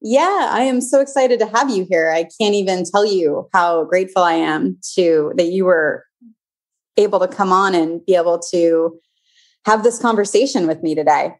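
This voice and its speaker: A woman's voice: on the low side, normal speed. A woman hosting a podcast, introducing her guest with eager, gushing enthusiasm. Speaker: podcast host. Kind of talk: casual interview chat.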